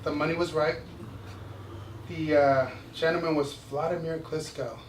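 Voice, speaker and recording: A man telling stories to a small live group as a motivational speaker and former boxer. He is animated, laughs often and repeats phrases. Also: fairly high pitch, moderate pace. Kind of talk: storytelling talk to a small group. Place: indoor room with a live audience. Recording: echoey room, distant mic, background noise.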